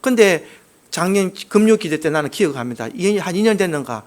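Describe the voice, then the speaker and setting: A male pastor with a Gyeongsang accent delivers a sermon in a high, bright register. His pitch swings widely between emphatic peaks and sudden quiet asides. His delivery is folksy and full of anecdotes. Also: animated, a little fast. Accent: Gyeongsang Korean.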